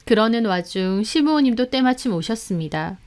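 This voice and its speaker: A woman narrates a dramatic first-person story. Her voice sits somewhat high, and her pace stays measured and steady. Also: clean tone.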